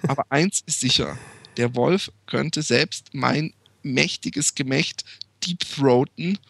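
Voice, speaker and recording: A man's voice: medium pitch, slow, gravelly, a bit bright, no echo. A young man reading a fairy tale aloud and interrupting with sarcastic, crude asides.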